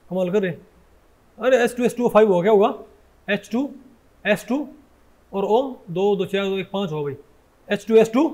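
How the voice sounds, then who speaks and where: A male chemistry teacher with a high, slightly mellow voice gives a Hindi classroom lecture. He keeps firing questions at his students, often saying "bhai," and corrects himself mid-sentence as he goes.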